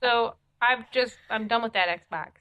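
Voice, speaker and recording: A woman's voice: on the high side, measured pace, highs cut off. A woman co-hosting a casual gaming podcast, bantering with wry, exasperated jokes. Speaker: podcast co-host. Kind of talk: casual chat.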